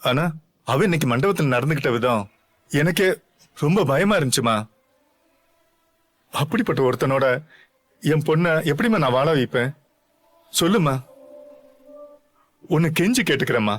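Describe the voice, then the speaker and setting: A man's voice: a little high, animated, moderate pace, pauses often, no room sound. A man dubbing a remorseful middle-aged father in a TV serial, who speaks in a pleading, apologetic way. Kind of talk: dubbed TV serial acting.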